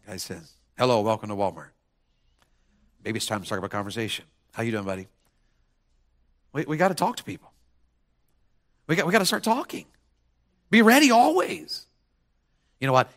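Fiery preacher, bright forceful voice. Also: male voice, lowish voice. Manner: impassioned, swings from quiet to near shouting, rhetorical questions. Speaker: pastor. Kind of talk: sermon.

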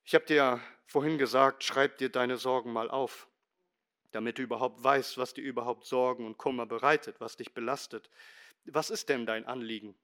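Middle-aged male pastor, sermon delivery, bright ringing tone, emphatic with hushed low drops. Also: steady tone, moderate pace. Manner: emphatic preaching, swinging between loud stresses and quiet low asides.

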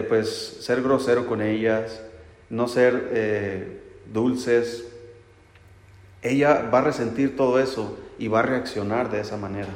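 A man preaching a conversational sermon, speaking plainly to the men and often checking in with "right?". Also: fairly low pitch. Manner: plain, talks straight to the men, keeps asking "¿verdad?" and "¿sí?". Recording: echoey hall reverb.

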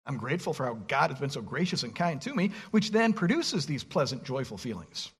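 A man's voice: medium pitch, very animated, fairly quick, fairly bright tone, husky. A man preaching a sermon, reading scripture aloud and asking the listeners rhetorical questions. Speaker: pastor.

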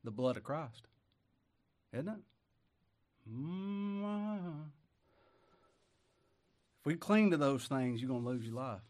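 A man's voice: lively intonation, slow pace, long pauses. Fervent preacher man. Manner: fervent, dynamic, swinging between loud declarations and low asides; colloquial rural speech, ain't and them. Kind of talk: sermon.

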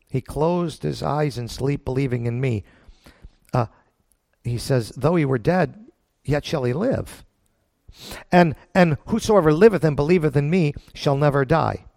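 Man, mid-range voice, sermon delivery, folksy and plain-spoken, emphatic pauses, rhetorical questions, dry recording. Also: mid-range voice, vocal fry, a little mellow, no room sound. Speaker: preacher. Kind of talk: sermon, expository Bible teaching to a congregation.

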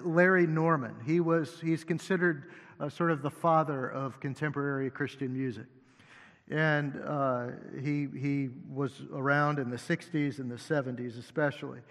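Speaking from the pulpit mic of a church sanctuary, this associate pastor delivers his sermon in a voice on the high side, the hall's long reverb trailing behind. His pace is slow and halting, full of fillers, with occasional gentle humor.

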